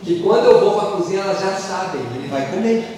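A Brazilian man preaching a sermon, telling personal stories in an animated, joking way. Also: high-pitched, fast, crowd noise. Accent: Brazilian Portuguese. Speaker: pastor. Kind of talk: storytelling sermon. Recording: echoey hall from far off.

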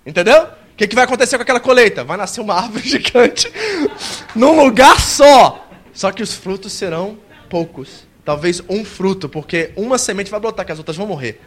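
A man preaching a sermon as a pastor, swinging between soft, close passages and loud, emphatic lines, and acting out a worshipper's complaints. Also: fairly quick. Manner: acts out a worshipper's complaints in a high whiny voice.

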